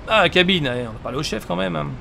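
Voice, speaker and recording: A man's voice: a little high, lively intonation, very fast, vocal fry, sharp tone. A man giving casual video game commentary as a let's play host. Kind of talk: casual game commentary and reading dialogue aloud.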